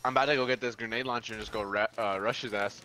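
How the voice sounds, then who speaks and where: A man's voice: mid-range voice, steady tone, racing, sharp tone, slight background noise. A man teaming up in an online game, joking around and cursing casually. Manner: laid-back, swearing, joking. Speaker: gaming partner. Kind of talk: casual gameplay chat.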